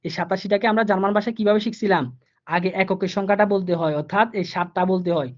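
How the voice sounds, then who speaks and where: A man teaching German numbers in a live online class, explaining each step slowly, repeating himself and asking the students questions. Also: high-pitched, fairly even intonation. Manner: repetitive, patient, asks the students questions. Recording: dull lo-fi online class audio.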